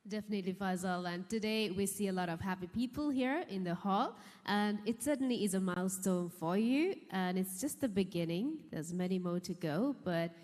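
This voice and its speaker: A woman's voice: medium pitch, a little mellow. A woman speaking formally as co-host of a ceremony. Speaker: co-host, master of ceremonies at a graduation. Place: large hall, over a PA system. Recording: echoey hall with long reverb.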